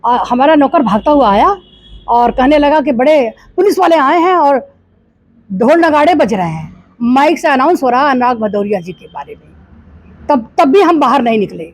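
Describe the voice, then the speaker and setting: An older politician from Gorakhpur, eastern Uttar Pradesh, India, speaks expressively in a high voice at a moderate pace. Facing a news reporter's questions, she answers indignantly with rhetorical questions, in a dry recording.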